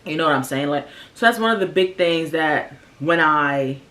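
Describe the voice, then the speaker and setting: This American woman, an early-30s vlogger, has a deep voice with a fairly bright tone and a moderate pace. Casual and candid, she reflects on personal matters for her viewers using slangy language.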